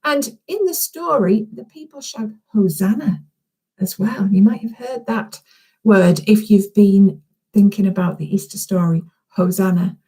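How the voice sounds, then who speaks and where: Speaking at medium pitch and a little slowly, this woman has a mellow voice with a breathy edge. She's a children's author on an informal live video with young pupils, chatting warmly from home and encouraging them with frequent small questions.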